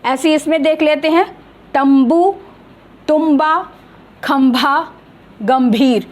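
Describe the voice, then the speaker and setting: Slow, high-voiced woman teaching grammar. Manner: slow, patient, drawing out example words. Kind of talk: online grammar lesson.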